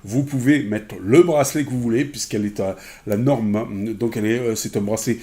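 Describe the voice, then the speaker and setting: A man's voice: fairly low pitch, a little fast, dark tone. A man giving a casual unboxing review of a smartwatch, rambling with many fillers and self-corrections while handling the product. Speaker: tech reviewer.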